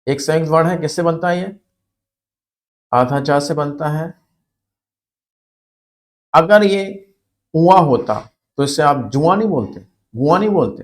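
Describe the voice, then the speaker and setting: A man teaching a spelling and grammar lesson for exam students, explaining step by step and repeating words for emphasis. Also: on the high side.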